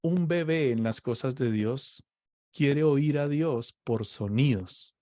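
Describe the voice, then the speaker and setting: A man's voice: mid-range voice, warm tone, no echo, clean studio sound. A man teaching on faith in a conversation, explaining patiently and often checking "ok?" with his listener. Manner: slow, explaining, checks understanding with "¿ok?". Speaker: preacher.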